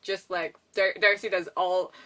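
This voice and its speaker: A woman's voice: on the low side, level tone, measured pace, fairly bright tone, far from the mic. A woman casually reviewing a movie in a chatty, giggly way, full of fillers. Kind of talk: casual chat.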